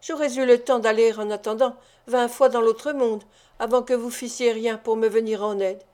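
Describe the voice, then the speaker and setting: A woman's voice: a little high, steady tone, moderate pace, warm tone, lightly acted. A woman reading the part of a sick, bitter male thief in an audiobook, speaking in a growling, resentful manner.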